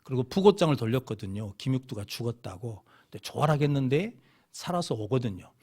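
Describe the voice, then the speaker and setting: A man's voice: mid-range voice, big pitch swings, a little fast, darkish tone. A middle-aged man with a Jeolla accent, a pastor telling stories in a sermon and putting questions to his congregation. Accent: Jeolla Korean. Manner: storytelling preacher who keeps asking the congregation questions. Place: church sanctuary.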